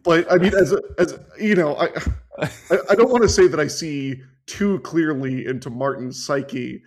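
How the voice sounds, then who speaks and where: A man's voice: a little high, moderate pace. A man co-hosting a casual podcast, chiming in with wry, joking asides. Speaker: podcast co-host.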